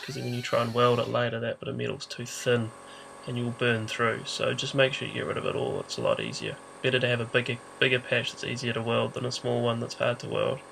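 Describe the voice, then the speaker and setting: A man's voice: mid-range voice, vocal fry, a bit bright, poor audio. A man giving an informal, hesitant how-to voice-over in a matter-of-fact way, his voice nasal and congested as if he has a blocked nose. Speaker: DIY car repair presenter. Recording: noticeable background noise.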